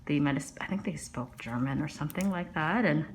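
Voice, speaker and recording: A woman's voice: low-pitched, a little fast. A middle-aged woman dermatologist chatting and telling stories while she works on a patient in a medical office, often dropping to a murmur. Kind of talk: chatting while performing a procedure.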